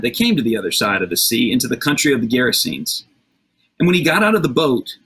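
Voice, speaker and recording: A man preaches to a streamed congregation, his voice a little husky and mid-pitched. He retells a scripture story in plain, conversational words and keeps inviting listeners to picture the scene. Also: a bit bright. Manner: conversational, vivid storytelling with rhetorical questions. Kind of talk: livestreamed sermon.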